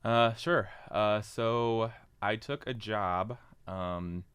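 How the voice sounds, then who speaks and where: A young man, a podcast guest, chatting casually with jokes and halting fillers. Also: fairly low pitch, fairly bright tone, clean tone, dry recording. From Indiana. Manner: joking, self-deprecating, halting with fillers. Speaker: podcast guest, market board member. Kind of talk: casual interview chat.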